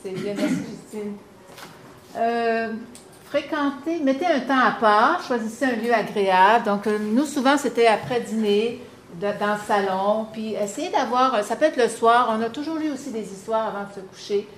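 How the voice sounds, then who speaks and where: A woman with a Quebec French accent giving an animated, encouraging talk to parents, with frequent fillers. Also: fairly high pitch, moderate pace. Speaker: presenter on reading to children. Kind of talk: lively instructional talk. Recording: echoey room, faint background hum.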